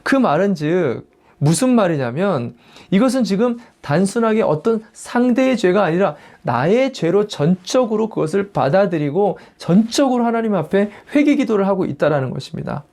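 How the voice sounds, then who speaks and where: A man's voice: high-pitched, sing-song, normal speed, darkish tone. A man preaching a sermon as senior pastor, emphatic and acting out quoted prayers and family voices. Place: church in the United States.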